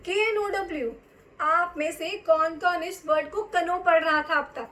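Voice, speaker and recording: A young woman teaches an English lesson in a very high voice. She speaks at an unhurried pace and spells out the example sentences slowly and deliberately. In between, she chats with the viewers and asks them questions. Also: fairly even intonation, fairly bright tone, rough recording. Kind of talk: bilingual language lesson.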